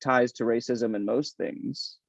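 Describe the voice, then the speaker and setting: A man's voice: medium pitch, a little slow, gravelly, dry recording. Chatty man on a dull, dry recording. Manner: animated, rambling, laughs often. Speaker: podcast guest. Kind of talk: casual chat.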